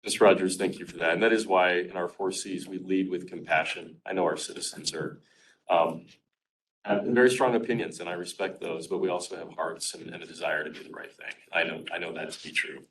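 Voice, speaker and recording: A man's voice: sits low, fairly even intonation, a little fast, a bit bright. A man chairing a county meeting as an elected official, answering comments in an assured, reassuring way. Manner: assured, reassuring, politician's cadence. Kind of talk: public meeting remarks. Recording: distant mic in a meeting room.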